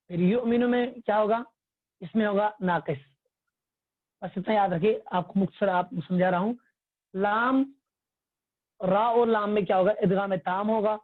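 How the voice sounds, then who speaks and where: A man's voice: high-pitched, no echo. Man teaching over tinny phone audio. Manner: patient, repetitive, quizzing the class. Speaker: Tajweed teacher. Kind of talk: online religious class. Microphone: phone or computer mic on a video call.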